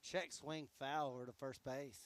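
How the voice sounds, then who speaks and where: A man calling high school softball play-by-play, easygoing and chatty between pitches, his voice going hoarse. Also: fairly even intonation, normal speed. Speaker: play-by-play announcer.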